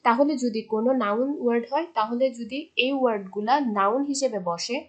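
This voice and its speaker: Female teacher with a Bangladeshi accent, fairly high voice, lecturing and switching between English and Bengali with patient repetition. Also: lo-fi sound. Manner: mixes English and Bengali, explains slowly with repetition. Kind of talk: online lecture.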